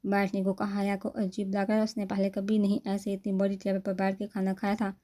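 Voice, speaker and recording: A woman narrating a romance novel aloud at an unhurried, steady pace. Her tone is mellow and dark, and her pitch stays level with little movement. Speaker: novel reader.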